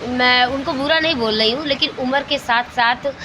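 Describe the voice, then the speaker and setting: In a high-pitched voice and at a moderate pace, a middle-aged woman from India, a lifestyle vlogger as well as a homemaker and mother, talks informally about her daily routine. Her speech loops back on repeated phrases while she searches for words, with clear ambient and traffic noise in the background.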